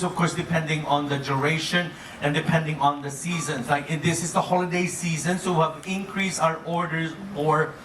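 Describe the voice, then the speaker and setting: A fairly high, rather bright-toned man hosts guests as a jokey, upbeat cruise director, often breaking into chuckles at his own material during the live comedy presentation. Sound comes from a distant mic in a reverberant, noisy space.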